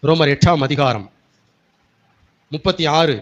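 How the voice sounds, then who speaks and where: A man's voice: a little high, unhurried, lo-fi sound. A male pastor with a Tamil accent preaching a sermon, acting out quoted lines from God and people. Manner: animated, voices God and people in quoted asides.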